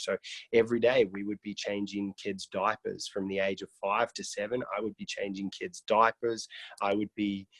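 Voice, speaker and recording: A man's voice: fairly low pitch, dry recording. A man from Iraq, a guest on a mentoring video call, telling his life story casually with a joking streak and many restarts. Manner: joking, with frequent restarts and fillers.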